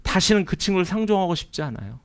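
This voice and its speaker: Clear-voiced male pastor preaching. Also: sits high, very animated, fast. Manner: earnest preaching, asks the congregation questions, acts out quotes. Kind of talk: sermon. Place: church sanctuary.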